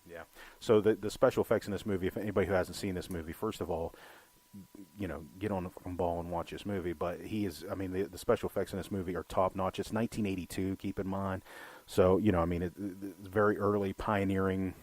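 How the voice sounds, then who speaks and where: A man's voice: deep voice, fairly even intonation, fast talker, darkish tone. A man co-hosting a film podcast, rambling and swearing freely, with lots of "you know". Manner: rambling, profane, heavy use of "you know". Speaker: podcast co-host. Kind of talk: casual film chat.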